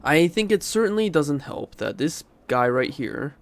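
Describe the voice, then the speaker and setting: A game streamer with a stuffy nose from a cold chats casually while playing a strategy game. His fairly high voice is animated and unhurried as he thinks aloud, rambles, and corrects himself.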